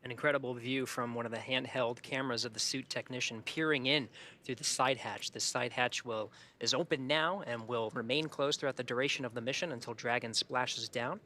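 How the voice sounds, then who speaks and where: A man's voice: medium pitch, steady tone, brisk, sharp tone, slight background noise. A man giving live explanatory commentary as a broadcast commentator. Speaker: launch webcast commentator.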